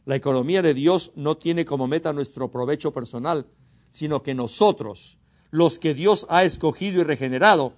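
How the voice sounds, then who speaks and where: A fervent preacher from Mexico delivers a sermon in a fairly high voice for a man. He swings from loud, emphatic exhortation to hushed, confiding asides and repeats his words to drive each point home. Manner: fervent, rises to emphatic exhortation then drops to quiet asides.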